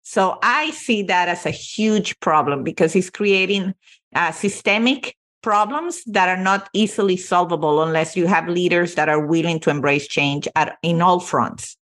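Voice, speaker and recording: A woman's voice: on the low side, normal speed, a bit bright. A woman from Venezuela, a company CEO, telling her career story with earnest emphasis as a podcast guest. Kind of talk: podcast interview.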